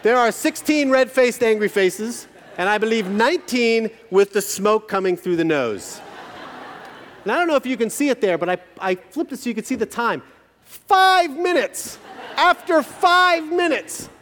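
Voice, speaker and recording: A man's voice: high-pitched, moderate pace, a little hiss or hum. A man preaching a sermon as pastor, telling stories with emphasis and humor. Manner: animated, emphatic storytelling with humor. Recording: long hall reverb.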